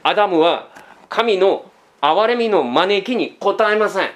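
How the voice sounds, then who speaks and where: A male pastor preaches in a conversational style packed with rhetorical questions, often ending his sentences with a trailing "this." His voice is high and expressive, and he speaks a little slowly.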